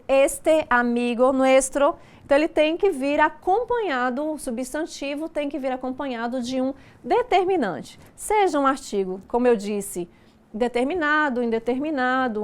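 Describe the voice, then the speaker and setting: A middle-aged Brazilian woman teaching Spanish in a recorded online lesson. She explains patiently and says each example sentence slowly and clearly. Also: high voice. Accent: Brazilian Portuguese.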